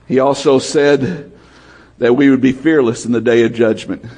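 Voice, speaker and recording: A man preaching a sermon as pastor, calling out to his congregation, swinging between shouts and low, quiet lines. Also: normal speed. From United States. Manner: lively preaching, calls out to the congregation, rises to shouts and drops low.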